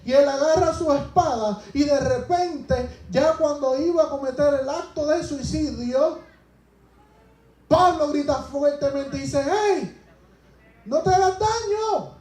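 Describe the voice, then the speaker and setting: A man's voice: very high voice, unhurried, a little mellow, roomy sound, poor audio. A man preaching a sermon to his congregation, asking them rhetorical questions and retelling scripture as a story.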